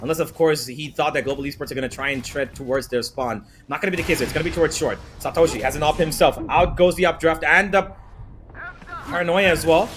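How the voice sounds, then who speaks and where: A man working as an esports caster, giving live play-by-play on a shooter match in an excitable, urgent manner. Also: fairly high pitch, quick pace, hardly any pauses, background noise. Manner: excitable, rising urgency in action.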